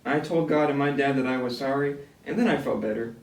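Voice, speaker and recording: A man's voice: medium pitch, a little fast, close to an everyday voice. A man voicing a playful, friendly puppet named Simon in a church puppet skit. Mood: earnest. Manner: playful, easily startled. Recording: echoey room, distant mic, faint noise.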